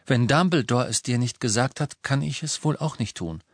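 A man's voice: medium pitch, normal speed, no echo, voice pushed up, close to an everyday voice. A man voicing a determined, blunt teenage boy wizard in an audiobook, speaking firmly and accusingly.

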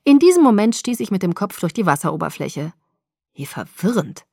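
A woman's voice: mid-range voice, very animated, a little fast, vocal fry, a little mellow, husky, dry recording, studio quality. Woman reading a dramatic audiobook. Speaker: audiobook reader. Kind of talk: scripted narration.

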